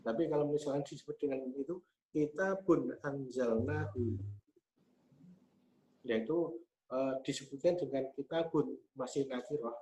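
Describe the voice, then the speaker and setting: A man, teaching Arabic grammar patiently and methodically, pausing often on hesitation sounds. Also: medium pitch, mellow. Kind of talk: explaining grammar in a class. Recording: slightly muffled with faint hum.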